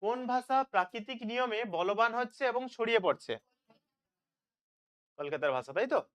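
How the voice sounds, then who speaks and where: Tutor, online revision lesson, smooth clear voice, asks and then answers. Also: medium pitch, expressive, brisk, a bit bright. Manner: asks questions and answers them himself, checks with "তাই তো?". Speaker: teacher. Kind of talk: online live class, question-and-answer revision.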